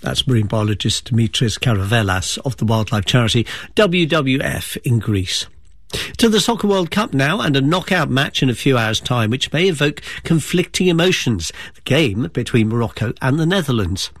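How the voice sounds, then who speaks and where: A man presenting radio news and interviewing a guest, measured, clear and conversational. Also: medium pitch, big pitch swings, no room sound, studio quality.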